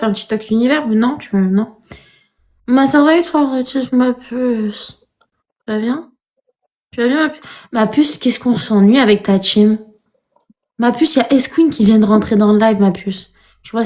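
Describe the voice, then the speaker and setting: A woman's voice: medium pitch, darkish tone. A young woman chatting casually on a live stream, teasing and slangy, calling her viewers pet names. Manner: teasing, slangy, says "ma puce" a lot.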